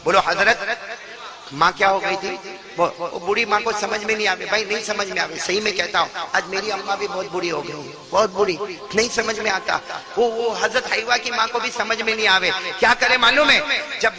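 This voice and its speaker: A man's voice: high voice, steady tone. A male preacher telling a story in a sermon, calling on the audience to answer him. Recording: background music.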